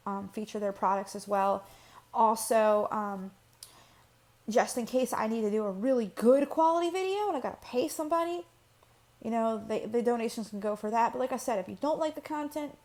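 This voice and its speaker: Here a female channel host addresses the camera in relaxed personal vlog fashion, meandering and restarting with plenty of fillers. Her pitch is fairly high, her pace normal, and her tone a touch mellow.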